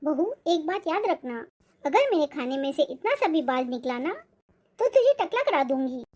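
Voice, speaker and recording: A controlling middle-aged mother-in-law barks sharp orders. Her voice sits very high and she scolds without pause in this cartoon. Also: very animated. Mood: scolding. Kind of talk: cartoon voice acting.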